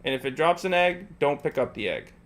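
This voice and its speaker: Animated and fairly fast, this man has a fairly high, slightly bright voice. He's casually streaming gameplay while talking a friend through each step, repeating instructions with patience and laughing and joking between them.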